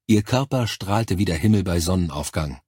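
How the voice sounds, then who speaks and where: A male narrator reading a first-person science fiction audiobook in a calm, measured way. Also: deep voice, slightly rough, no room sound, studio quality.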